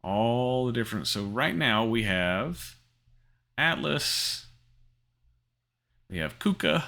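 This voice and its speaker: In loose, rambling commentary over his screen share, a middle-aged crypto gaming channel host keeps restarting and filling gaps with um. His mid-range voice is gravelly and sharp, expressive, and delivered at a slow pace.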